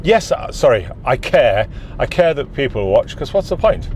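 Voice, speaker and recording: A man's voice: medium pitch, very animated, moderate pace, darkish tone, slight background noise. A middle-aged British man chatting casually and candidly to his phone in a car, rambling a little, his speech slightly off from a numbed mouth. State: mouth numb from dental anesthetic, talking slightly funny. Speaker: YouTube vlogger. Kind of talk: casual car chat to camera. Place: inside a car. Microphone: phone in windscreen holder.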